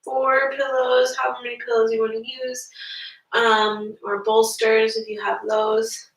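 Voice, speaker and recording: A woman's voice: a little high, little pitch movement, unhurried. A young woman with a stuffy nose leading a live-streamed yoga class, speaking casually with many fillers. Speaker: yoga teacher. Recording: roomy, distant from the mic.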